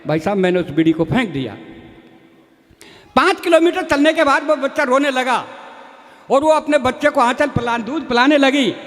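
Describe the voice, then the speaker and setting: A high-voiced man tells folksy comic stories on a live stage, slipping into the voices of the people in them. His voice rings out with a long hall reverb. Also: lively intonation, moderate pace, pauses often, fairly bright tone. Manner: folksy, plays many characters in dialogue. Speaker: stage comedy poet. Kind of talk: comic storytelling at a live poetry show.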